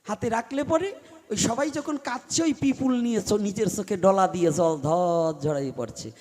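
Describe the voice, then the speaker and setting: A man preaching in a high, ringing voice and telling devotional stories. He swings between loud, impassioned pleading and hushed asides. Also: moderate pace. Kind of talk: devotional storytelling sermon. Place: live gathering before a large crowd.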